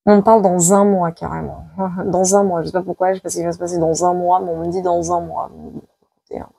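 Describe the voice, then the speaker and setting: Femme voyante à la voix grave et éraillée. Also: female voice, lowish voice, level tone, fast talker, vocal fry, mellow, husky, no echo. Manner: dramatic, repeats phrases, frequent exclamations. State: worn out by the heat. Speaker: psychic card reader. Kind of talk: live tarot prediction video.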